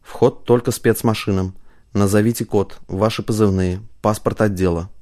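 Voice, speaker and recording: A man voicing an automated warning machine in an audiobook, speaking in a slow, mechanical, repetitive way. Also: fairly low pitch, steady tone, darkish tone, close to an everyday voice. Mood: stern.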